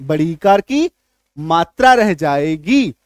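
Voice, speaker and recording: A man's voice: fairly high pitch, sing-song, slow, no room sound, studio quality. A man teaching an English spelling and pronunciation lesson, repeating key words and quizzing the viewer.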